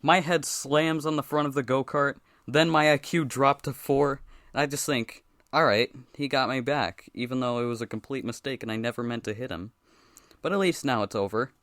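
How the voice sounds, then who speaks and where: Deadpan young guy narrating a goofy story. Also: mid-range voice, moderate pace, no echo, clean studio sound. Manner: deadpan, self-mocking, rising to excited. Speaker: creator narrating his animation.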